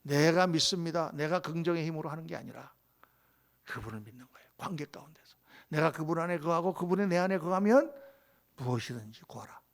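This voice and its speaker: A male pastor preaching a midweek sermon, moving between loud exclamations and hushed whispers. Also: a little high, lively intonation, a little fast.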